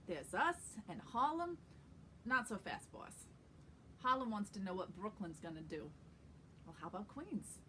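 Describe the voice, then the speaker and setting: A woman's voice: fairly high pitch, a bit bright, slight background noise, full character voice. A woman reading all the parts of scrappy teenage newsboys in a New York accent, without separating the characters. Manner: reads every part in one voice without separating them. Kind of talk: script read-through.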